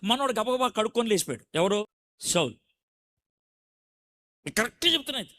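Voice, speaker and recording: High-pitched middle-aged preacher guy, tells the story with lots of energy, keeps asking the crowd questions. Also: moderate pace. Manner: animated, quizzes the audience and acts out scenes. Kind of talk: storytelling sermon.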